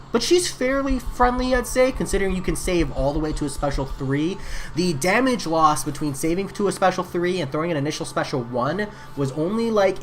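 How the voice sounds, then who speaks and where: A man with a voice on the high side streams a mobile game, chatting casually with viewers and answering their messages as he plays. His voice is getting worn, and there's a little hiss or hum in the recording.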